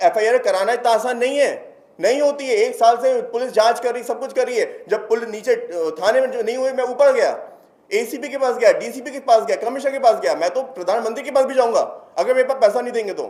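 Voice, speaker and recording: A man with a high voice delivers an angry public statement, accusing and repeating himself with force. The sound rings around an echoey room. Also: brisk, darkish tone. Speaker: complainant addressing the press.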